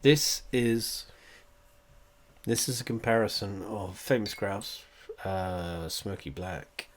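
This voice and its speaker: Stuffy guy with a lowish voice, rambling and swearing through a casual review at home. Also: steady tone, takes it slowly. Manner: meandering, profane, wry. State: congested, coughing. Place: at home indoors.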